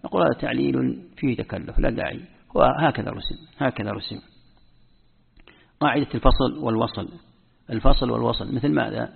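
A man's voice: mid-range voice, a little fast, gravelly, pauses often, breathy edge. A man giving a patient spoken lesson as an Islamic scholar, repeating key words as he explains. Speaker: Islamic scholar teaching Quran script rules. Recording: tinny phone-like audio in a reverberant hall.

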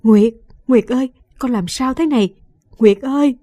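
A woman's voice: mid-range voice, moderate pace, darkish tone, no echo, studio quality, lightly acted. A woman voicing a doting, anxious elderly grandmother who cries out and pleads for her granddaughter. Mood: panicked.

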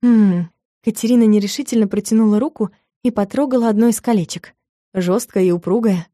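A woman narrates a novel in a steady, expressive storytelling voice. Her tone is dark and mellow, at a medium pitch, and the recording is close and dry, with no room sound. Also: fast, no room sound. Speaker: audiobook narrator. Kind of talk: scripted narration of a romance novel.

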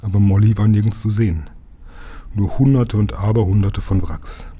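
Deep husky man reading aloud. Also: moderate pace, warm tone. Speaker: narrator. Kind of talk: reading a children's book aloud.

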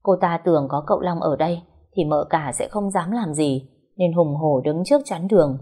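A woman narrating a story in a steady, even reading voice. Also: deep voice, normal speed, breathy edge.

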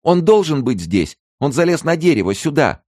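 A man's voice: takes it slowly, dark tone, no echo, clean studio sound. A male narrator voicing a frightened, hysterical female refugee who screams and hisses in a raised voice. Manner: shrill, screaming, hissing. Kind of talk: audiobook character voice.

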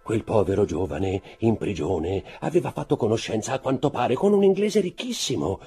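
A man's voice: fairly low pitch, big pitch swings, normal speed, mellow, breathy edge, full character voice. A man voicing a sickly, anxious woman, an innkeeper's wife, speaking urgently in an audiobook. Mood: telling.

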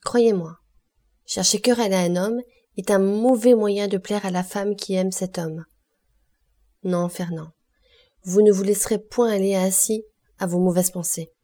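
An earnest, proud young woman in love from a storybook classic, as read by a woman narrator. Her voice is mellow and soft-edged, pressing each word with feeling. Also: mid-range voice, natural voice. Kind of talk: audiobook character reading.

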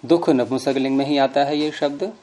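A man's voice: medium pitch, fairly even intonation, moderate pace, mellow. A middle-aged man teaching a grammar class, explaining patiently and quizzing his students. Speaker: Sanskrit teacher.

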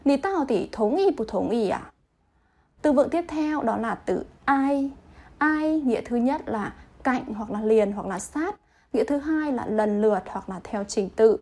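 A woman teaching vocabulary, reading example sentences slowly and then translating them word by word. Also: fairly high pitch, mellow. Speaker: Chinese language teacher.

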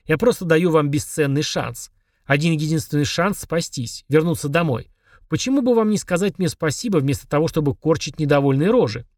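A man's voice: on the high side, lively intonation, fairly quick, darkish tone, no room sound, lightly acted. A man voicing a small, spiteful, grumpy demon who grumbles and snaps sarcastically, in a dry close recording. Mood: snapping. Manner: grumbling, sneering, snapping.

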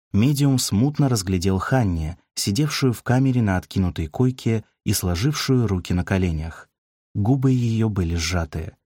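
Male audiobook narrator, deep and husky, steady measured delivery. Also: no echo, clean studio sound. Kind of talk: scripted narration.

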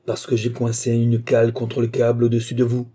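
Brief: fanatical male workman, menacing preacher of doom, dark husky tone, as a male reader puts him on. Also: medium pitch, completely flat delivery, brisk, lightly acted. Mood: cold. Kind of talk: audiobook reading.

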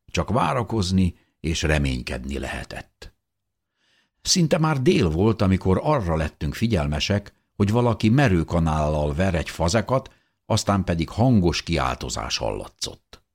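A man narrating a first-person audiobook in an earnest, measured way. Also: low voice, big pitch swings, slightly rough.

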